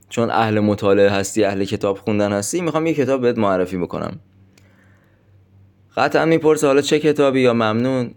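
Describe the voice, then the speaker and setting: A man coaching listeners on dating, going through numbered tips in a direct, chatty way and addressing them as friends. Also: medium pitch. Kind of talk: instructional monologue with numbered tips.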